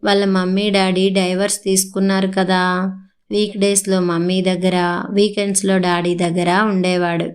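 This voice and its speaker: A woman's voice: mid-range voice, level tone, moderate pace, a little mellow, lightly acted. A woman voicing a young boy in a storybook reading, speaking in a pleading, childlike way. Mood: upset. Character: young boy grandson, upset and tearful.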